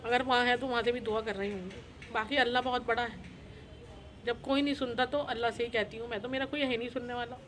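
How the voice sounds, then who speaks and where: Middle-aged woman, home vlogger, plaintive confession to camera, slightly high voice. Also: steady tone, fast, fairly bright tone, a little hiss or hum. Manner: sorrowful, plaintive, repeats her complaints. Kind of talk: emotional personal confession to camera.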